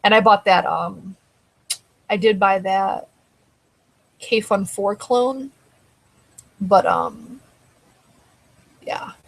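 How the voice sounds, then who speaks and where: On a low-quality recording, a live show host chats loosely with viewers and responds to their comments, her throat drying out. She speaks at a medium pitch, very slowly, pausing often, in a rambling, conversational way.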